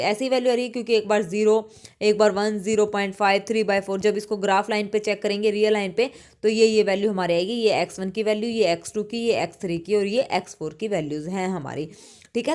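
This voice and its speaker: Woman teaching math with rhetorical questions. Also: on the high side. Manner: explains step by step with many rhetorical questions. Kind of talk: exam-prep math lecture.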